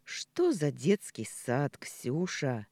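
A reader voicing a patient, tired middle-aged father who speaks calmly and reasons, in a read-aloud story. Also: medium pitch, measured pace, no room sound. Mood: weary. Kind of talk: audiobook character voicing.

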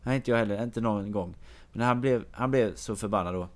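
A man with a somewhat low voice tells a long anecdote in casual conversation. He wanders from detail to detail as he goes. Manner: long meandering anecdote told to a listener. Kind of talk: casual chat.

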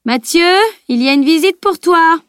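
A woman's voice: medium pitch, normal speed, no echo, clean studio sound, close to an everyday voice. A woman reading the voice of a weary, wary middle-aged mother in an audiobook. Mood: calling.

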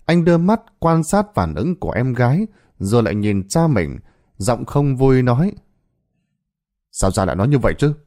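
Expressive male storyteller. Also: medium pitch. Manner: dramatic, expressive reading. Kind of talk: scripted story narration.

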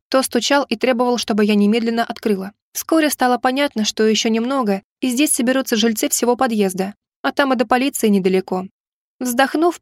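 A woman reads a first-person audiobook in an even, measured way. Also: fairly high pitch, no echo, clean studio sound. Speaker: audiobook narrator.

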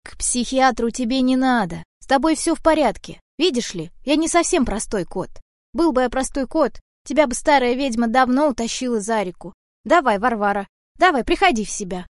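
A woman voicing a big ginger tomcat in an audiobook, gruff and rude, loud and bossy, barking orders and scolding. The voice sits a little high and sounds close and dry, with no room around it. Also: expressive, brisk, no room sound, close to an everyday voice. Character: old male house cat, gruff, rude protector. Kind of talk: audiobook character voice.

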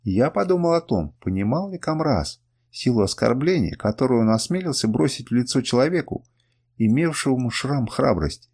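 A man narrating a first-person adventure audiobook in an expressive reading. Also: mid-range voice, normal speed, slightly rough. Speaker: audiobook reader.

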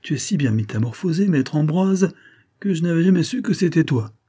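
A man's voice: a little high, lively intonation, fairly quick, dark tone, husky, voice pushed up. A man voicing a scheming viscount who speaks in a falsely earnest, polished way. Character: scheming young male viscount, feigning devotion.

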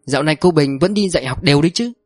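A woman's voice: deep voice, animated, rapid-fire, no echo, clean studio sound, soft background music. A man voicing a sly, sarcastic older businesswoman who speaks coolly and mockingly. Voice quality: cool, mocking.

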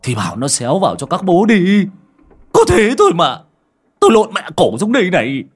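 A man's voice: medium pitch, big pitch swings, moderate pace, fairly bright tone. A man voicing a drunk young master who slurs and barks orders. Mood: angry. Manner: slurred, bossy.

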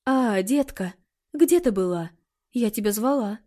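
A woman's voice: medium pitch, lively intonation, unhurried, mellow. Woman reading a worried young mother. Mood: surprised. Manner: firm, restrained anger. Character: worried middle-aged mother, stern then gentle.

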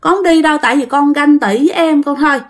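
A woman's voice: sits high, quick pace, pitched above the performer's own voice, close to an everyday voice. A woman with a Southern Vietnamese accent voicing the ghost of a neglected young girl, tearful and pleading in a childlike way. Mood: stubborn pleading.

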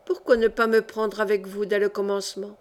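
A woman's voice: mid-range voice, level tone, fairly quick, a little mellow, natural voice. A woman reading the part of a young girl, an emotional and earnest daughter, in an audiobook. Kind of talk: audiobook reading of a historical novel.

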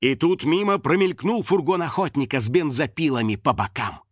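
Animated man narrating a children's audiobook. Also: on the high side, moderate pace, no room sound, studio quality. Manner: expressive, animated storytelling.

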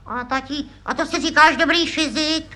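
A cheeky puppet schoolboy who pokes holes in his father's bragging and whines about lessons. The voice is very high and piercingly bright. It belongs to an old-time puppet comedy. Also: fairly even intonation, exaggerated voice. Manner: cheeky, needling, whiny. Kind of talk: vintage puppet comedy sketch.

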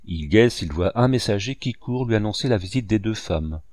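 A man reading a novel aloud, expressive, lifting his voice for the dialogue. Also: lowish voice, normal speed, dry recording, studio quality.

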